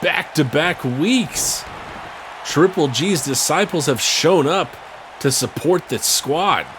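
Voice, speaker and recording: A man's voice: a little high, lively intonation, measured pace, noisy background. A man doing wrestling commentary as play-by-play announcer, calling the action in short bursts.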